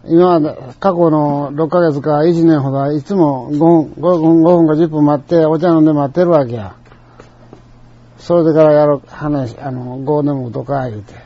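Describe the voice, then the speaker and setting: This dull lo-fi clip features an older man with a Kansai accent recounting a personal tale that rambles off on tangents in a colloquial, talkative style. His voice is a little high, with a steady tone and moderate pace.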